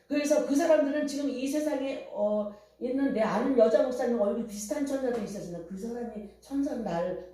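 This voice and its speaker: This middle-aged woman preacher has a mellow voice on the high side, and she mixes storytelling into a revival sermon while ardently pressing listeners to repent. Her words are captured from afar in a highly echoey church hall.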